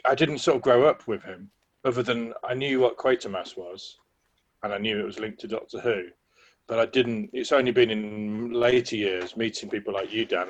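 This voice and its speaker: A man talking haltingly and informally as a guest in a casual film discussion. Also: on the low side, low-quality recording. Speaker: podcast guest.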